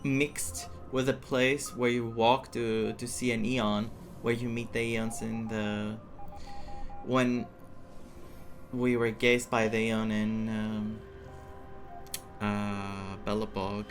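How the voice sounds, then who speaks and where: Speaking slowly in a fairly low, flat voice, this man streams a game with casual commentary as game music plays. A native Greek speaker, he reacts out loud and explains the words he reads.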